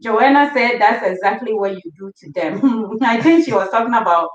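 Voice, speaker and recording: A woman hosting a family livestream, reading viewer comments aloud and laughing often in a warm, affectionate way. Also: fairly high pitch, normal speed. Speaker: livestream host. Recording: roomy, distant, dull sound.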